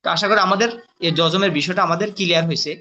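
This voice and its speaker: A man teaching Quran letter reading in a patient classroom lesson, spelling out sounds slowly and quizzing his students with questions. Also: sits high, fairly even intonation, pushed and bright, lo-fi sound, slight background noise.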